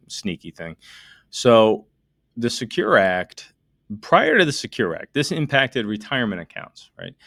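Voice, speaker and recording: In a clean studio recording without echo, a middle-aged American man with a low voice lays out a topic as an estate planning attorney. He talks straight to his audience with emphasis, running numbers aloud and posing one rhetorical question after another.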